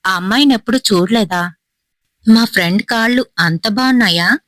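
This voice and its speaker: A woman's voice: mid-range voice, normal speed, fairly bright tone, no room sound, close to an everyday voice. A vengeful shape-shifting spirit mocks its terrified victims with cruel glee, as a woman narrator puts it on. The taunts come close and dry, in a storytelling horror tale. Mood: mocking. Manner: taunting, mocking.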